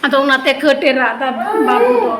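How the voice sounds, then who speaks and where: A high-pitched woman vlogger, recorded outdoors on a handheld phone. She soothes a crying child in gentle, repetitive words. Loud ambient noise runs under her voice the whole time. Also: big pitch swings, unhurried. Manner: coaxing and soothing a crying child, repeating short phrases. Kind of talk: casual daily vlog. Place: outdoors in the sun.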